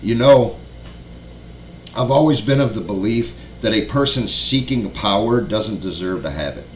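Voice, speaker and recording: A man's voice: fairly low pitch, expressive, measured pace, roomy sound, a little hiss or hum. A man reading news aloud and breaking off into blunt, scornful commentary, swearing freely. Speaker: prepper channel host.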